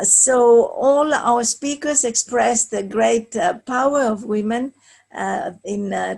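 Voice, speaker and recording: A woman's voice: a little high, vocal fry, darkish tone, husky. A woman moderating an online conference panel, speaking hesitantly with many filler sounds over a video call.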